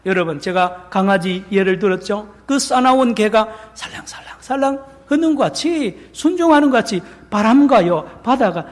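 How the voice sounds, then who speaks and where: A male pastor preaching a sermon in a church, animated, acting out quotes and asking the congregation questions. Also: high voice, normal speed, few pauses. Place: large church sanctuary. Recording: long church reverb.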